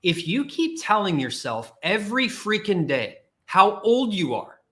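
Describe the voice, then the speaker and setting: This career coach and podcast host has a high-pitched, very animated voice with a fairly bright tone, delivered at a measured pace. Giving a motivational livestream talk, he repeats himself for emphasis and confronts his listeners directly.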